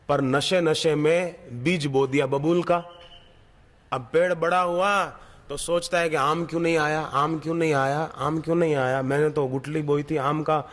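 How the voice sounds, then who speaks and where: Male preacher, storytelling sermon, emphatic repeats, slightly high voice, long hall echo. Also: a bit bright. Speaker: spiritual preacher. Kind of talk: devotional sermon with anecdotes.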